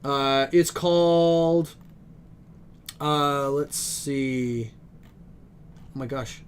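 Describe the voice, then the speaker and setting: A young man at a game store reading card names aloud on a live stream and chatting with viewers, easily excited by good pulls. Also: medium pitch, drawn-out words, smooth. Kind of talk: live-stream pack opening commentary. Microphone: desk microphone.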